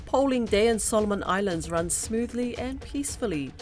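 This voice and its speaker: A woman's voice: medium pitch, expressive, moderate pace, faint music behind. A woman presenting scripted radio news in a studio.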